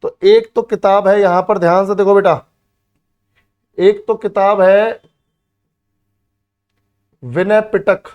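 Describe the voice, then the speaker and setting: High-voiced male teacher drilling students. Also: steady tone, measured pace, pauses often, muffled recording. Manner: repeats key words for drilling, calls students beta and bhai; asks students questions then answers himself. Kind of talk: exam-prep history lesson.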